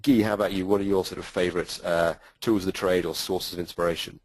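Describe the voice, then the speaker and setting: A man's voice: sits low, steady tone, fast, no room sound, poor audio. A man with a British accent moderating a webinar panel, talking with many hesitations and fillers.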